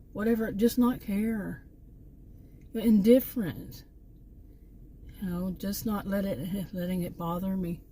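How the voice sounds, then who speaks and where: Outdoors near a park, a middle-aged Texan vlogger rambles through casual chit-chat, trailing off and circling back to her point. Her mid-range voice has a warm tone, with slight background noise.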